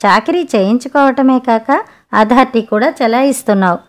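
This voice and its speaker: A sharp-tongued grumbling mother-in-law, read by a woman. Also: a little high, normal speed, natural voice. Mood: scolding. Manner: scolding, complaining.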